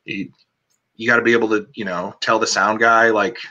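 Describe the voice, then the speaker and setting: A man speaks over a video call with a bright, forceful edge to his voice. He is a cinematographer chatting casually as a guest, filling his sentences with "like" and "um" as he rambles through his thoughts. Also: lowish voice, level tone, brisk, dull audio. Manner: rambling, many "like" and "um" fillers.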